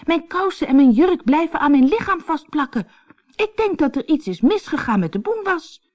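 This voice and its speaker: A woman voicing an eager little girl who is an apprentice witch, speaking in a high, pleading way in a storybook reading. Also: a little fast, dark tone, natural voice.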